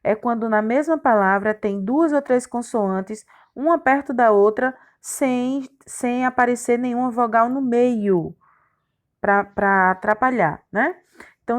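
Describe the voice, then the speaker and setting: A woman teacher, giving a recorded grammar lesson to young children and spelling out letters and syllables one by one. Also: a little high. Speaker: primary school teacher.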